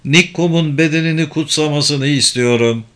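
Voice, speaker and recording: A man reading the part of a grieving father, speaking in a hoarse voice. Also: a little high, normal speed, fairly bright tone, natural voice.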